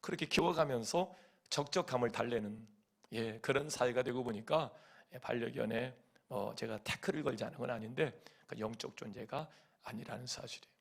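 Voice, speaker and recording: Gravelly, animated male pastor. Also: medium pitch, a little fast. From Chungcheong, Korea. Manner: animated storytelling, mimics voices and hums folk song lines. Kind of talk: sermon. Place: church sanctuary.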